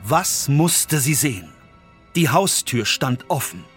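Male fairy-tale narrator, lively pitch, soft music behind. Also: takes it slowly. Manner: expressive storytelling, dropping low and soft at tense moments.

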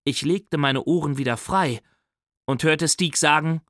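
Guy reading a kids book out loud, playful and lively, kinda high voice, dry close sound. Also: unhurried, no echo. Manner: animated, playful. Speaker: audiobook reader. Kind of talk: lively first-person storybook narration.

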